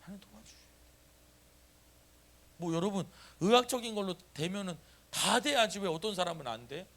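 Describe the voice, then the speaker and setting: A man's voice: high voice, fairly quick. A man preaching a sermon as pastor, calling on the congregation to answer and repeat after him. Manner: animated, calls for congregation responses. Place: church sanctuary.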